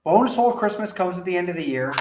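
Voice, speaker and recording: A man's voice: high-pitched, expressive, fast, a little mellow, slight background noise. A man co-hosting a podcast, chatting casually, joking and swearing as he riffs. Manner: joking, profane, riffing. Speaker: podcast co-host. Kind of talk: casual chat.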